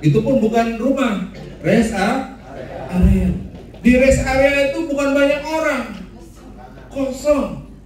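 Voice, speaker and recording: A man's voice: extremely high pitch, slow pace, pauses often, a little mellow. A man teaching a class, joking and asking the room questions. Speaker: instructor. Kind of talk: classroom lecture with audience questions. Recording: echoey room, voice from far off the mic.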